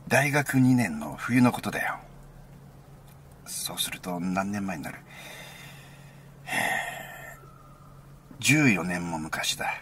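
A man reading a first-person story aloud as an intimate, conversational monologue, sometimes dropping into a hushed near-whisper. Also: low-pitched, big pitch swings, takes it slowly, pauses often, slight background noise. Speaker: narrator.

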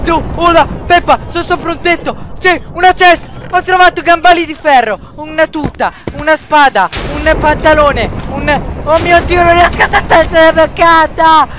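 A young male gamer commenting on a game in a panicky, shrieking way, yelling words over and over. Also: very high-pitched, steady tone, moderate pace, hardly any pauses, noisy background. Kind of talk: frantic gameplay commentary. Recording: game music behind.

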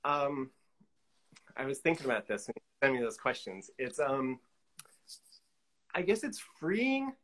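A guest artist in his forties chats casually in an interview over a video call from an indoor room, thinking aloud tentatively and hedging with "like" and "you know." His medium-pitched, slightly bright voice swings hugely in pitch, and he speaks unhurriedly with long pauses.

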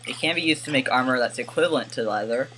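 A man's voice: mid-range voice, quick pace, a bit bright. A man giving casual gameplay commentary, rambling and correcting himself with wry asides, recorded on a desk mic with faint hiss. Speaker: gaming YouTuber.

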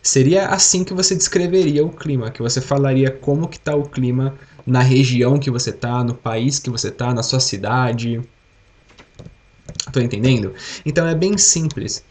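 Speaking at a moderate pace in a medium-pitched, somewhat mellow voice, a young Brazilian teacher runs an English lesson over live stream with a Brazilian Portuguese accent. He patiently explains, drills words, and asks his class to echo them back.

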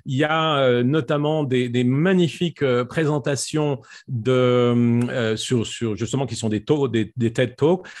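A man's voice: medium pitch, fairly even intonation, measured pace, hardly any pauses, a little mellow. A middle-aged French-speaking man, a public speaking coach, answering questions in an online session with frequent fillers and restarts. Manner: hesitant, many fillers and restarts. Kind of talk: webinar Q&A answer.

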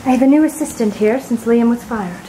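Talking a little fast in a slightly high voice, a twenty-something woman hosts a goofy pretend cooking show in a cramped home kitchen. She holds the camera at arm's length and jokes at her own expense, while sixties French pop plays amid a noisy background.

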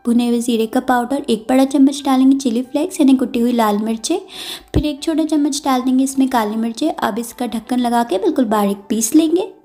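Speaking a little fast in a high voice, a woman hosting a cooking channel calmly walks through a recipe, restating and clarifying every step. Faint music plays behind her.

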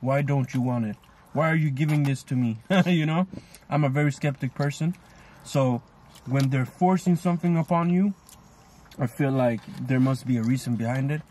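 A man's voice: mid-range voice, moderate pace, a little mellow, a little hiss or hum. Thoughtful man chatting on a food vlog. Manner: thoughtful, rambling, many fillers. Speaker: co-host. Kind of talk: casual chat while eating.

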